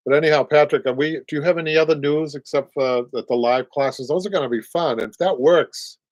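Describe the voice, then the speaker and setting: A man's voice: fairly high pitch, fairly quick, dry recording, low-quality recording. Older Boston man in dry chat. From Boston area, USA. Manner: chatty, reads out viewer comments. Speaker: host, upholsterer. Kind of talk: casual live-stream chat.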